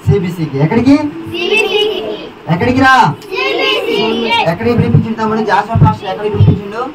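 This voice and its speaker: A woman's voice: fairly high pitch, fast. A woman hosting a church puppet show for children, calling out questions and coaxing the kids. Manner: animated, coaxing, often shouting to a crowd. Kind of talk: lively call-and-response with children. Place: church hall with many children. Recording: far-off voice in a noisy crowded hall. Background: loud children's crowd and noise.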